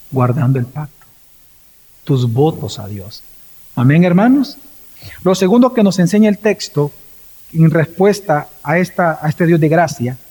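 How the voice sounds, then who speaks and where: Voicing the people in his story, a Salvadoran preacher swings his fairly high, mellow voice sharply up and down during a sermon. His Salvadoran Spanish echoes with the long reverb of a church hall.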